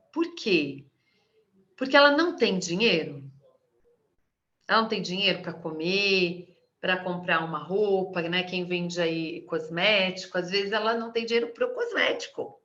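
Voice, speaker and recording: Brazilian woman, coach, bright clear voice, chatty teaching talk, slightly dull lo-fi audio. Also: mid-range voice. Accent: Brazilian Portuguese. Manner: conversational, often asks the audience questions. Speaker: sales and NLP coach. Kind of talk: live coaching talk to an audience.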